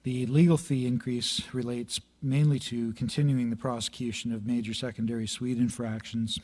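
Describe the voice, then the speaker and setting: A man with a dark, mellow, slightly hoarse voice reads out a planning budget report at a council meeting. He stumbles along with many fillers and now and then clears his throat, speaking into a chamber microphone. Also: mid-range voice, little pitch movement, moderate pace. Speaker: city planning staff presenter. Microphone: meeting room microphone.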